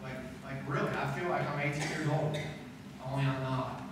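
A middle-aged pastor gives a conversational chapel sermon to students from a school auditorium stage, repeating phrases to drive points home, his medium-pitched voice flat at a moderate pace. A distant camera records the echoey hall, with background noise.

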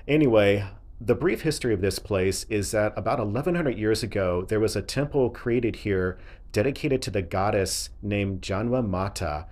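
A travel vlogger with a fairly low, darkish voice narrates as he walks through a ruined fort outdoors, filming on a handheld camera. Chatty, he explains things along the way and laughs now and then in this walking-tour commentary.

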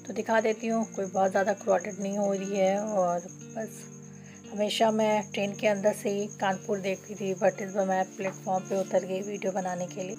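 A chatty travel vlogger from Bokaro, Jharkhand, India, narrates her train trip in a casual way, explaining every step to her viewers. Her voice is mid-range. She films on a phone camera held in her hand.

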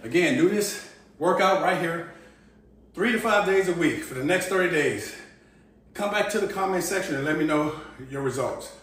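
A man's voice: a little high, animated, normal speed, a bit bright. A middle-aged man coaching a workout like an aerobics instructor, giving short, motivating, repeated cues and countdowns. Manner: motivating, repetitive commands while exercising. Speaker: fitness instructor. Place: indoors, hard-floored living room at home. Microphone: camera several meters away. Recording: very echoey room, distant mic, faint noise.

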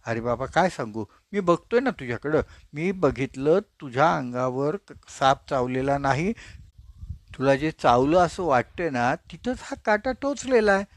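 A calm, steady friend who soothes and insists by turns, played by a male storyteller. The voice sits somewhat high and is recorded dry and close. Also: unhurried, dry recording. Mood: insistent. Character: calm reassuring man, the watching friend.

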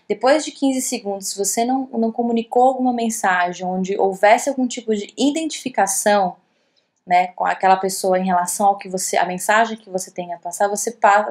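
A woman from Brazil walks learners through a course worksheet in a voice-over on a screen recording. She talks loosely and warmly, looping back with restarts and tag questions. Her pitch sits in an ordinary middle range. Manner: conversational, many fillers and restarts. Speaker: course instructor. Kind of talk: casual online lesson over slides.

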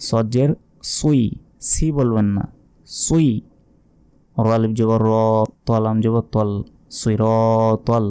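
A man giving a Quran pronunciation lesson, deliberately drilling each syllable by repeating it. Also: on the low side, dark tone, clear, resonant tone, dry recording, clean studio sound. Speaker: Quran recitation teacher.

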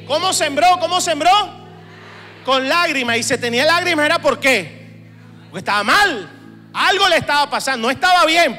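A man pastor preaches to leaders, trading joking asides for shouted exhortations. His voice sits very high and sounds bright and forceful. The hall rings with long reverb over faint music. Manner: humorous, swings from chatty asides to shouted exhortation. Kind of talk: sermon to church leaders.

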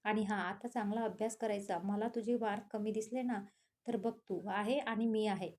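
A woman's voice: medium pitch, fairly even intonation, moderate pace, warm tone, natural voice. A woman reading the lines of an intense, possessive young man in a storybook tale, firm and insistent.

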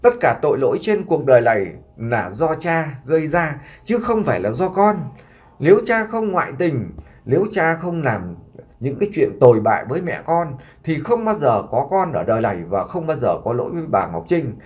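A man's voice: on the high side, big pitch swings, normal speed. A man voicing a grieving doctor father who imploringly consoles his sick son and takes the blame on himself.

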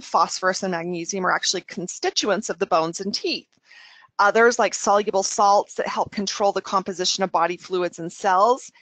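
A woman giving an enthusiastic product presentation, talking with a smile and sometimes getting tongue-tied from excitement. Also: medium pitch, no echo. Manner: smiling as she talks.

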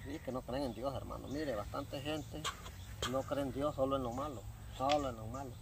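A man's voice: mid-range voice, normal speed, gravelly. A man in his forties with a Central American Spanish accent, chatting casually and colloquially outdoors, repeating his phrases for emphasis. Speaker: interviewee, rural cassava seller. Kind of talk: casual chat. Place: outdoors in a dirt yard by a fence. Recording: noisy outdoor rural ambience.

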